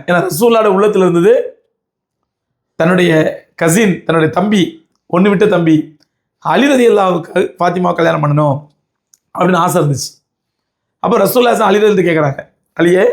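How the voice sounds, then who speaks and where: A middle-aged man, preaching a sermon. He tells the story in colloquial speech, lists parallel phrases emphatically and quotes Arabic verses. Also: high-pitched. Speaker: Islamic preacher. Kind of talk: sermon on the Prophet's life.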